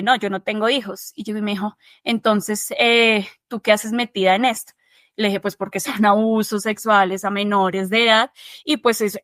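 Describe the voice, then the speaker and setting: A woman from Bogotá with a Bogotá Spanish accent, a teacher giving her testimony in an interview, telling it in a lively way and quoting the dialogue quickly. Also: medium pitch, dry recording, clean studio sound. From Bogotá, Colombia. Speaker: interview guest, early-childhood teacher. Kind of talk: conversational testimony.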